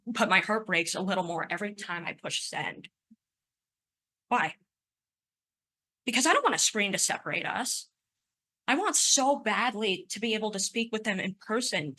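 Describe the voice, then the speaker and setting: Her voice bright and forward at a medium pitch, a twentysomething conference speaker delivers a prepared personal talk. Because of her stutter, sounds sometimes repeat before she continues, but she stays earnest and emphatic throughout.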